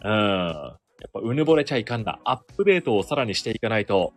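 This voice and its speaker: Fast-talking and very animated, a sports announcer in his 30s runs a solo podcast with casual, self-deprecating, radio-style chat about his work. His voice is fairly low, the recording is dry, and soft music plays in the background.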